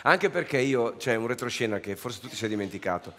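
A man's voice: mid-range voice, animated, a little fast, a bit bright. A man, a comedian guest, telling self-mocking stories in casual on-stage chat. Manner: laughing, self-mocking storytelling. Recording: large hall with audience. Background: audience crowd.

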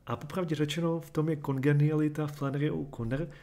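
Man reading literature aloud, measured. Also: fairly high pitch, fairly even intonation, mellow. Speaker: reader and commentator.

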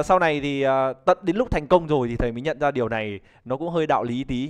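A man's voice: mid-range voice, clear, resonant tone. Chatty man teaching an English class. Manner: chatty, joking, calls on students to respond. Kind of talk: live online pronunciation class.

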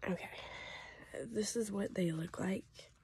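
A young woman whose hoarse voice is giving out, often breaking into a whisper, chatting casually to camera. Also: mid-range voice, slow, a little mellow. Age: young adult. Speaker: vlogger. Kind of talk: casual rambling chat to camera. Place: small indoor bedroom. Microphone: handheld phone close to face. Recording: noticeable background noise, handheld phone.

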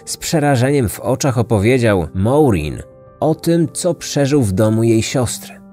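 A man reading a scripted true-crime story in a measured, dramatic way. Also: medium pitch, sing-song, dark tone, faint music behind. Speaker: podcast narrator.

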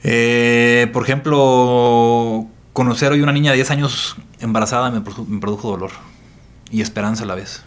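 This priest guest talks at a moderate pace, his medium-pitched voice keeping a fairly even intonation. He has a Mexican Spanish accent, and in the reflective podcast interview he stays earnest, repeating phrases to stress his points.

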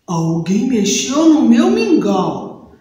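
Papa bear, loud and indignant, as a woman storyteller plays him; distant roomy mic. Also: fairly high pitch, sing-song, slow pace, slight background noise. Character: big gruff papa bear. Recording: echoey room, mic at a distance.

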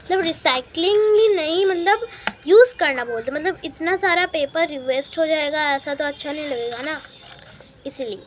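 A woman's voice: high-pitched, moderate pace, slight background noise. A woman hosting a casual step-by-step craft tutorial at home, chatty and calling viewers guys, repeating her instructions as she works. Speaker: craft video host.

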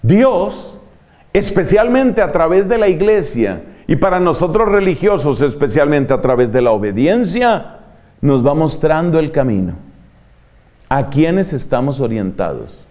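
An older man, a friar preaching a sermon in an animated, dramatic way that acts out examples. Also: fairly high pitch, measured pace. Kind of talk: sermon to religious.

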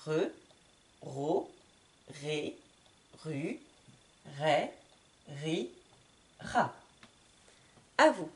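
A woman teaching French reading, saying the syllables slowly and clearly for learners to repeat. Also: mid-range voice, a little mellow. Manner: slow, clearly spoken syllables with long pauses. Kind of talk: slow reading lesson for learners.

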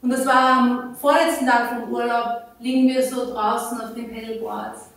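A woman pastor preaches by telling a chatty personal story and acting out her own thoughts and replies. Her voice sits fairly high. She is heard from some way off the mic, in a hall with heavy echo. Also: level tone, normal speed, a bit bright. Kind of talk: sermon told as a personal story. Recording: roomy hall, voice from a distance.

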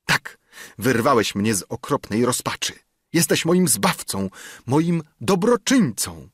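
A man's voice: medium pitch, sing-song, slow pace, breathy edge, no room sound, clean studio sound, voice pushed up, full character voice. A man voicing an overjoyed older suitor who gushes with thanks in an effusive, exclaiming manner. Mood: ecstatic, grateful. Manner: exclaiming, gushing.

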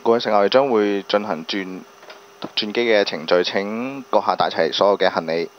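A man's voice: fairly low pitch, a little fast. A man working as a flight attendant, making formal announcements to passengers. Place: aircraft cabin, over the PA. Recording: muffled cabin PA with aircraft hum.

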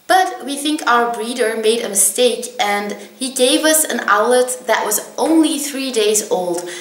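A woman's voice: fairly high pitch, lively intonation, measured pace. Chatty young woman in an echoey room. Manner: chatty, many ums, laughs at herself. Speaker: vlogger. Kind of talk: casual storytelling to camera. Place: small indoor room with plain wall.

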